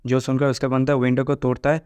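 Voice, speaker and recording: A man narrating a story recap in a steady, even storytelling manner. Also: mid-range voice, quick pace, clear, resonant tone, dry recording. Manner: flat, steady storytelling with quoted lines read plainly.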